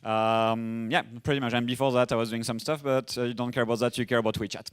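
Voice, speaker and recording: A young man from France with a strong French accent, giving a casual, fast-paced conference masterclass. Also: mid-range voice, steady tone, clean tone. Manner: fast, casual, self-deprecating, with filler restarts. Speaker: conference speaker. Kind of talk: masterclass presentation.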